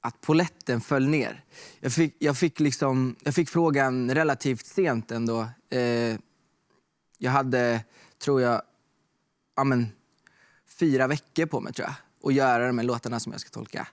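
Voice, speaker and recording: A young man talking as a guest, telling stories in a relaxed way with many fillers. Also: mid-range voice, no room sound, clean studio sound. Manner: relaxed storytelling with fillers like "liksom" and "typ". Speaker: guest artist. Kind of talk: casual chat.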